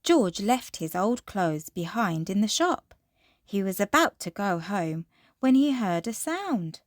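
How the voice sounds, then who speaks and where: A woman reading a children's storybook aloud in an expressive, measured fairy tale opening manner. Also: medium pitch, no echo, clean studio sound.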